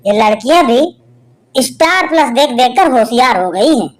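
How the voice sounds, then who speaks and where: A woman's voice: on the high side, lively intonation, normal speed. A woman narrating a string of short jokes, building to each punchline. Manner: punchline-driven, storytelling. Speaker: joke narrator. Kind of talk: reading jokes aloud.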